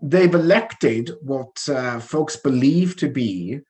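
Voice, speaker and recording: Casting: male co-host from the Welsh Valleys with that South Wales accent, mid pitch, informal, hesitant, chatty news discussion. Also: expressive, slow pace, darkish tone.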